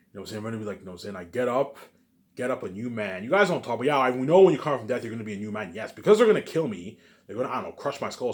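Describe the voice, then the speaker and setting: This vlogger's fairly low voice carries a loose, repetitive ramble full of swearing. He alternates between quiet asides and loud, emphatic outbursts as he chats casually.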